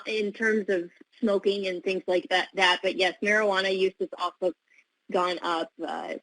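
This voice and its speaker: A woman clinical pharmacist answering webinar questions over a video call, measured, with frequent filler pauses. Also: fairly low pitch, a bit bright, dry recording, poor audio.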